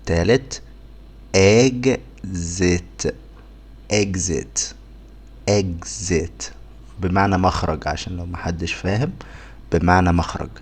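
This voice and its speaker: A man with an Egyptian Arabic accent teaching a phonics lesson to beginners, sounding out letters one by one and repeating each word slowly. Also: low-pitched, steady tone, slightly rough. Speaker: English teacher.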